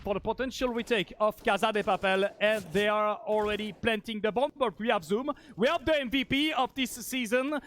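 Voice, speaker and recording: A man with a Spanish accent calling esports play-by-play, excitable and shouting on big plays. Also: high voice, fairly quick, few pauses, a little hiss or hum. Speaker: esports caster.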